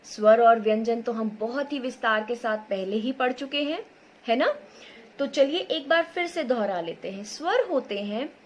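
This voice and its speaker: Slow, lively woman teaching small children. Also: a little high. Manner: slow, patient, asks questions and answers them herself; stretches sounds out to model pronunciation. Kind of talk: recorded online lesson for young children.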